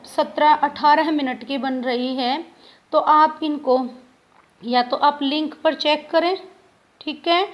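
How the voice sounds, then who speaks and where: A woman teacher giving a grammar lesson to students, spelling out sounds one by one. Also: high-pitched. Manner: slow, spells out sounds letter by letter.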